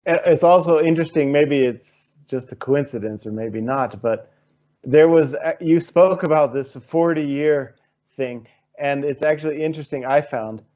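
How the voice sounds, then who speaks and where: A man's voice: fairly high pitch, normal speed, lo-fi sound. A man hosting an interview, posing long, searching questions and thinking aloud with fillers. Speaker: interview host.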